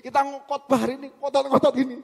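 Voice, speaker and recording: A middle-aged man preaching a sermon in a church, animated, swinging from loud emphatic bursts to quiet recitation. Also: extremely high pitch, quick pace, creaky. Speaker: pastor. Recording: long reverb of a big hall.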